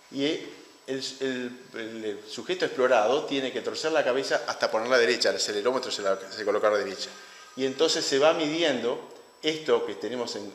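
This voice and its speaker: A male lecturer with a Uruguayan Spanish accent explains his material at a middle pitch, often stopping to restart phrases. His voice carries through a large room and rings with a long reverb. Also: fairly bright tone. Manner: halting, with frequent restarts and fillers. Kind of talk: academic lecture. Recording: roomy hall with long reverb.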